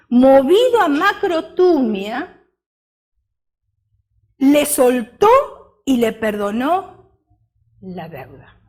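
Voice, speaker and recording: A woman preaches a sermon in a high, very animated voice. She speaks slowly and drops her voice low on key words. She often puts questions to her listeners and acts out the story she is telling. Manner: asks the congregation questions and dramatizes the parable.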